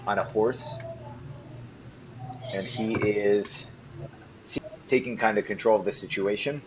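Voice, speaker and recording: A man narrating as game master for a tabletop game, relaxed with frequent ums. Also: fairly low pitch. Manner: casual, lots of ums and restarts. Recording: slightly muffled with faint noise.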